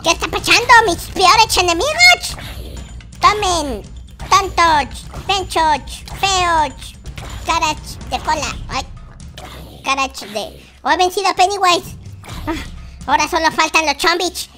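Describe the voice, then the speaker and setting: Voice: very high-pitched, expressive, slow, sharp tone, full character voice. A performer voicing a timid but boastful baby noob boy in a Minecraft gameplay video, talking in childish baby talk with a lisp. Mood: gleeful. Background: faint background music.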